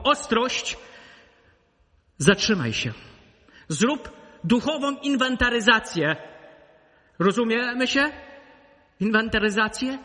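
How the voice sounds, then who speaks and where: A man preaching with a high, bright, ringing voice, and the long reverb of a church hall trails each phrase. His delivery is emphatic: it swells into loud calls, then drops low and close. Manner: emphatic preaching that swings between loud peaks and low intimate asides. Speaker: pastor. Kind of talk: sermon.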